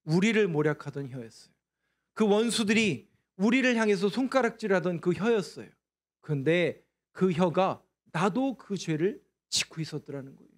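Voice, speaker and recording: High-voiced male pastor, sermon delivery, rhetorical call-and-answer, leads responsive readings. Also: expressive, moderate pace. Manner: asks the congregation questions and answers them himself; acts out prayers in a pleading voice. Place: church sanctuary.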